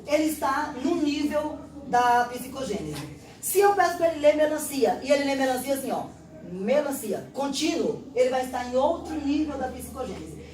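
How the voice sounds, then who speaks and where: A woman with a Brazilian Portuguese accent, a literacy teacher explaining a classroom test step by step and acting out exchanges with pupils. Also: high voice. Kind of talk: instructional explanation. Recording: roomy echo, distant mic.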